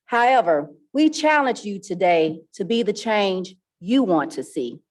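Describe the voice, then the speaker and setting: Female moderator, medium pitch, formal prepared speech to a community gathering. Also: lively intonation, a little slow. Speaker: panel moderator. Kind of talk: scripted formal closing address.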